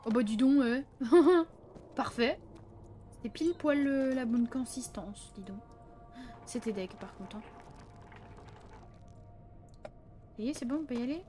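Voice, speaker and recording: A high-pitched woman's voice, carrying a little hiss or hum, delivers chatty let's play commentary from a close desk microphone. She speaks to viewers, uses "hein" a lot, and lets out flustered yelps under stress.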